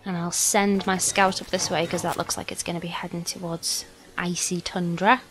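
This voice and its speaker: A woman's voice: on the low side, little pitch movement, moderate pace, a bit bright, low-quality recording. A woman with a slight sniffle gives casual, hesitant let's play commentary, explaining things informally as she goes. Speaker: gaming video host.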